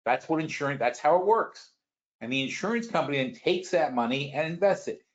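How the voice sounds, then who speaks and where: A man's voice: a little high, expressive, fairly quick, dull audio. A man hosting a stock market webinar, explaining finance in a rambling way with frequent restarts and worked examples. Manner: rambling, restarts often, talks through examples. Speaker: webinar host.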